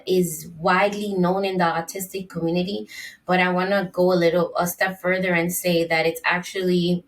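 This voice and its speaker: A woman's voice: lowish voice, fairly bright tone, far from the mic, poor audio. A middle-aged woman hosting her solo podcast in an upbeat, chatty way, with plenty of ums and uhs. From Dominican Republic. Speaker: podcast host. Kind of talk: casual solo podcast monologue.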